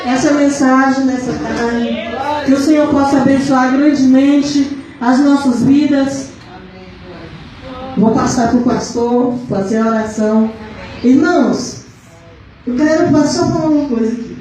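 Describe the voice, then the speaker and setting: Fervent high-voiced woman pastor preaching. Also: fairly even intonation, a little slow, dark tone. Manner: fervent, sing-song preaching with frequent hallelujahs. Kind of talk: sermon. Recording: very echoey room, faint background noise.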